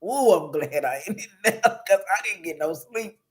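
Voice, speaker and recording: A man's voice: high-pitched, lively intonation, normal speed. A man talking casually to his viewers, telling personal stories in loose slang and laughing often. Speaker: vlogger. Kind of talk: casual storytelling monologue to viewers.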